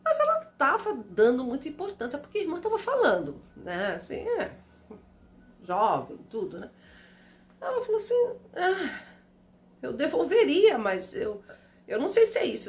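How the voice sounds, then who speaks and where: A woman's voice: high voice, creaky. A woman retelling a ghost story in a casual, hesitant way, repeating words and using many fillers as she searches for the next phrase. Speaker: storyteller host.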